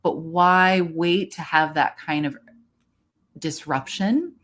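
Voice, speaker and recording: This woman's voice is fairly low and fairly bright, and she talks slowly. She's a guest voice coach on a livestream, offering encouraging, explanatory advice conversationally.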